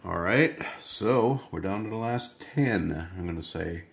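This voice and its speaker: A lottery scratch-off channel host rambles chattily to viewers from his kitchen table while scratching tickets, sounding congested and stuffy-nosed. His fairly low voice is expressive, a little slow, creaky and edged with breath.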